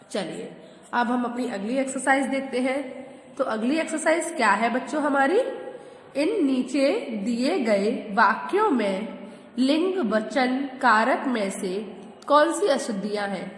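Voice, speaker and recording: Woman, school teacher, patient questioning, grammar lesson for kids, roomy long-reverb recording. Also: on the high side. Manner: patient, asks questions and answers them herself. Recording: echoey room with long reverb.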